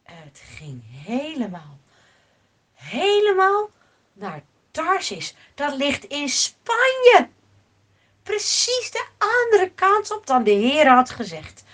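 A woman with a high voice tells a children's Bible story aloud. She speaks slowly and dramatically, dropping to a hush and then rising again. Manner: expressive, dramatic, swings between hushed and loud.

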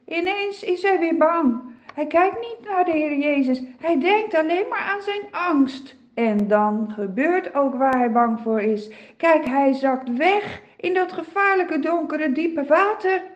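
Een vrouw met een hoge stem vertelt levendig en beeldend een bijbelverhaal voor kinderen. Ze neemt rustig de tijd, en de opname klinkt wat dof. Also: female voice, sits high, slow, highs cut off. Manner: expressive, vivid storytelling. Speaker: storyteller. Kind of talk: children's Bible story narration.

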